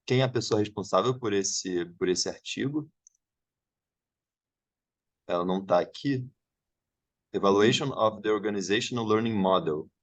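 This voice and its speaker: A man's voice: lowish voice, a little slow, long pauses. A man organizing an online academic session, checking details aloud as he goes. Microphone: video call.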